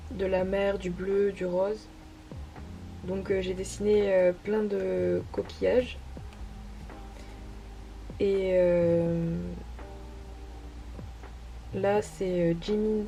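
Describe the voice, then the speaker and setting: A woman's voice: mid-range voice, vocal fry, warm tone. A young woman casually talking through her sketchbook pages as an artist vlogger, hesitant and full of fillers. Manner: hesitant, many fillers, self-deprecating laughs. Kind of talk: casual narrated walkthrough.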